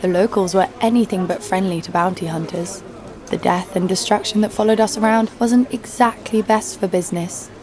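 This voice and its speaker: Music runs beneath a woman's scripted first-person narration for an audio drama, where she plays a fearless, sardonic bounty hunter telling her own tale. Her delivery is wry, dry and snarky. Her voice sits at medium pitch with a darkish tone, moves at normal speed, and sounds much like everyday speech.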